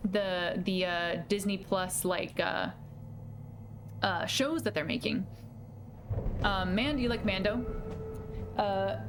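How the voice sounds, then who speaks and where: A woman game streamer giving casual commentary, chatty, jittery and expressive. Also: mid-range voice. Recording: clear background game noise. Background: video game action.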